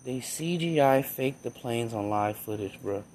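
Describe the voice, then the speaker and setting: A man's voice: mid-range voice, animated, a little slow, darkish tone, slight background noise. A young man talking in a heated, profane, rambling rant as a self-described conspiracy theorist. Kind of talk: casual rant.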